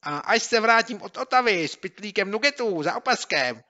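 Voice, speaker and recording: A man voicing a mischievous schoolboy rival who shouts slow, drawn-out taunts in an audiobook. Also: high-pitched, expressive, highs cut off, voice pushed up. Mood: taunting. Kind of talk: audiobook character voice.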